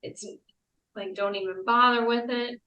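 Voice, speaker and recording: A woman's voice: a little high, steady tone, unhurried, dull audio. A woman in a casual, conversational chat. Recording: roomy echo, distant from mic.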